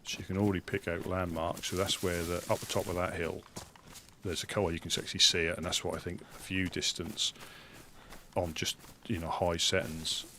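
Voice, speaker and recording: Low-voiced Suffolk man, rambling casually. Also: level tone, sharp tone, a little hiss or hum. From Suffolk, England. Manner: rambling, hesitant, halting mid-sentence. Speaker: live streamer. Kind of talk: casual live game-stream chat.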